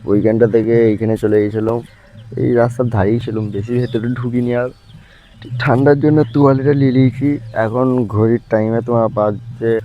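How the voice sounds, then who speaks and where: A man's voice: medium pitch, fairly even intonation, fairly quick, lo-fi sound. A young man vlogging casually to camera, chatting to his viewers as guys while lying on a parked motorbike outdoors at night, filmed on a phone held close. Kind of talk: casual vlog talk to camera.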